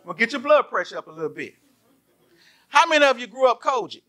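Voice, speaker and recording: A male pastor, preaching a lively sermon and firing rhetorical questions at his congregation. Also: very high-pitched, fast talker. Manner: animated, asks the congregation many rhetorical questions. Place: church.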